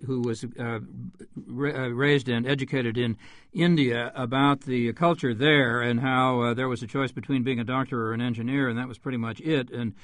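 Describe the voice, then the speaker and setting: A man's voice: medium pitch, steady tone, a bit bright, no echo. A man hosting a radio panel, asking questions with many fillers and stumbles. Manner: halting, stumbles over names, many fillers. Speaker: radio host.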